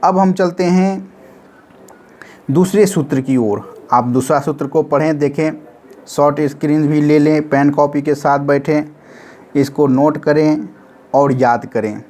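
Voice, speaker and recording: A man teaching grammar in a recorded lesson, chanting short memory formulas slowly and repeating each one many times. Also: a little high, fairly even intonation, dark tone. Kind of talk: classroom-style recorded lesson.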